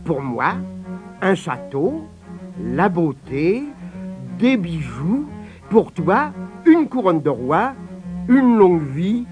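Brief: storybook peasant wife, high, shrill and scolding, greedy temper; played by a man. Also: big pitch swings, slow, muffled recording, music in the background, exaggerated voice. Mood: eager.

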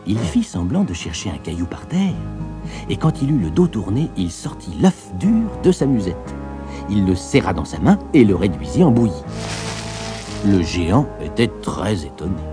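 Male narrator, deep-ish mellow voice, animated storybook reading. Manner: expressive, lively storytelling. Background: soft background music.

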